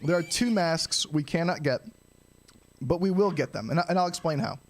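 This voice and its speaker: Lively higher-voiced man doing speedrun commentary. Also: moderate pace. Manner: casual, explanatory asides to viewers, frequent throat clearing. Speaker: speedrunner streaming a game challenge. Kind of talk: speedrunner's live gameplay commentary, explaining each step.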